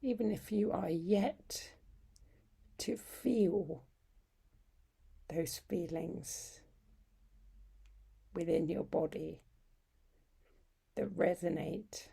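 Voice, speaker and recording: Speaking in short, unhurried phrases separated by long pauses, a woman leads a guided yoga nidra meditation. Her voice is lowish, soft, breathy, and husky, with a soothing quality.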